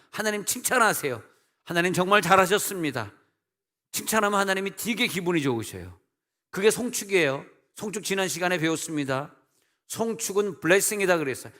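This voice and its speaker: A man's voice: high voice, fairly bright tone, big-room sound. A man in his sixties, senior pastor, giving a folksy, humorous sermon. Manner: folksy, humorous preaching with imitated dialects.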